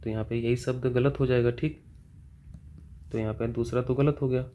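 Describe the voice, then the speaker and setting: A man's voice: mid-range voice, steady tone, normal speed, mellow, slight background noise. A man teaching grammar, working through exam questions and answering his own questions as he goes. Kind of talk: explaining exam test answers.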